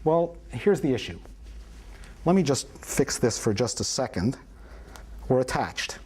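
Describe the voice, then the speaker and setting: A man's voice: medium pitch, very animated, measured pace, darkish tone, husky. A man teaching a prenatal class as an obstetrician, in a playful, folksy storytelling manner with questions to the room. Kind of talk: live classroom lecture.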